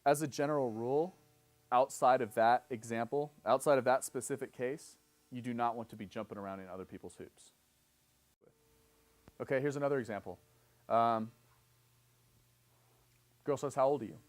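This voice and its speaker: A man in his thirties with a mid-range voice lectures at a moderate pace, leaving long pauses. As a seminar instructor speaking live, he breaks things down step by step, frequently asks "okay?", and voices both sides of his example exchanges.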